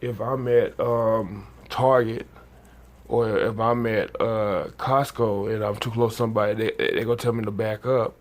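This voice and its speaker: A man vlogging to his channel, reading a news item and then talking casually, sleepy and just woken up, with many halting restarts and fillers. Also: on the low side, fairly even intonation.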